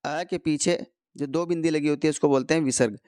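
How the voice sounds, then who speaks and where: A man teaching Hindi grammar to exam students, going slowly, posing questions and answering them himself. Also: fairly high pitch, steady tone, a little mellow, no echo, studio quality. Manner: slow, repeats key answers, asks and answers his own questions. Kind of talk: explanatory lesson for competitive exam students.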